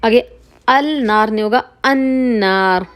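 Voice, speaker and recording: A woman teaching Arabic vocabulary, saying each word slowly, repeating it and explaining its meaning. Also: on the high side. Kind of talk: slow explanatory lesson, mixing Hindi-Urdu and English.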